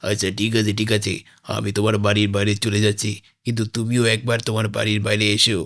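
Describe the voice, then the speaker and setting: A greedy cartoon gang boss speaks low and taunting. He bosses his henchmen and mocks his victims. The voice sits on the deep side. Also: monotone, quick pace, a bit bright. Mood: menacing. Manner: taunting, bossy. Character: menacing male gang boss, greedy and mocking. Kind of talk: animated game-parody voice acting.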